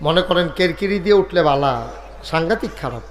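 High-voiced preacher, playful scolding. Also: male voice, expressive, brisk. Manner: chatty and teasing, scolds the sound man, drawls and chants key lines. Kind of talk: village sermon with crowd call-and-response. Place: large open-air gathering over a loudspeaker. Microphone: handheld mic through PA.

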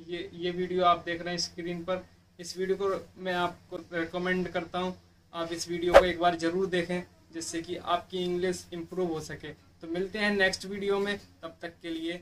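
Male English tutor, channel host, high voice held flat, plain repetitive explainer, faint hiss behind. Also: moderate pace. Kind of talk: casual video lesson.

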